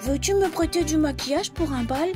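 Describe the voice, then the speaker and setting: Woman doing a young tomcat, high and eager. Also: fairly quick, music in the background, close to an everyday voice. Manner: bright, eager and polite. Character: young male alley cat, cheerful and polite. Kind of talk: children's storybook reading.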